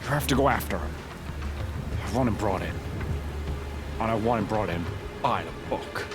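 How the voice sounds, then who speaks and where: A man playing a distraught, upright police commissioner in a radio drama, speaking in a strained, halting, earnest way. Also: lowish voice, natural voice. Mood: shaken but resolute. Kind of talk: amateur radio drama acting. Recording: amateur radio drama with music behind.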